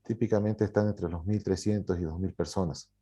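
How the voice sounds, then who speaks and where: A man's voice: low-pitched, fairly even intonation, a little fast, warm tone, husky. A man from Bolivia, a publisher and writer answering in an interview, telling his story with many fillers and self-corrections.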